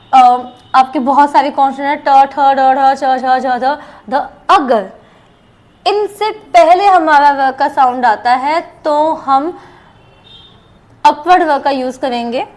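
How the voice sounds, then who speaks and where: A woman's voice: high voice, slow pace. An Indian woman teaching a shorthand lesson, explaining rules step by step and repeating each example aloud.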